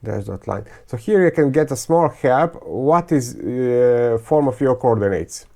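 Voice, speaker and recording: This teacher's voice is gravelly yet mellow, pitched in the middle and expressive. Walking through a screen-recorded software tutorial, he halts, restarts and leans on fillers while thinking aloud; his first language is Croatian, Serbian and Hungarian.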